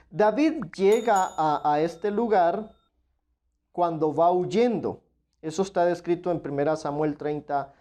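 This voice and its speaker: A man's voice: sits high, mellow. A man preaching a Bible study sermon, earnestly addressing his listeners as dear brothers and stressing his points with emphatic repetition. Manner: emphatic, repeats "claro de que sí".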